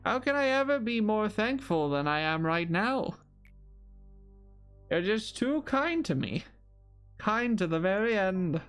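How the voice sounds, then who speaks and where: A weary older man speaks with tender, solemn slowness, as a streamer reads his lines aloud. The voice sits fairly high for a man, and he lets each line settle before moving on. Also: very animated, a bit bright, smooth, faint music behind, exaggerated voice. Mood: wistful. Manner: slow, solemn reading of game dialogue.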